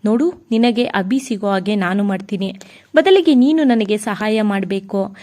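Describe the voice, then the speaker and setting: A woman's voice: medium pitch, moderate pace, darkish tone, lightly acted. A woman doing a sly scheming man. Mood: conspiratorial. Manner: sly, conspiratorial. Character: scheming plotting man, rich household schemer.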